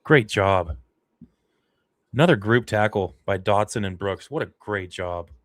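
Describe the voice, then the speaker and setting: A man with a fairly low voice talks through a football game as a fan livestream host, in casual play-by-play. He gets worked up and emotional over the action. The sound is dry and close, with no room around it. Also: a little slow, dry recording. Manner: excitable, emotional fan reactions.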